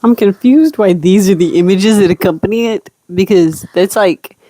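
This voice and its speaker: A woman's voice: mid-range voice, moderate pace, dark tone. A woman co-hosting a podcast with casual banter and dry, teasing interjections. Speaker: podcast co-host.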